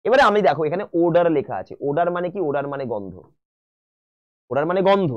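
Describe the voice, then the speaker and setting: A man's voice: fairly high pitch, quick pace, lo-fi sound. A man teaching an English exam-prep class online, asking his students question after question and mixing English terms into his explanations. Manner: animated, asks the students many questions.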